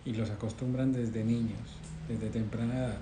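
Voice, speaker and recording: A man's voice: lowish voice, fairly even intonation, moderate pace, background noise. A man in a church Bible study discussion, searching for words with many fillers. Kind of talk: group discussion. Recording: roomy recording.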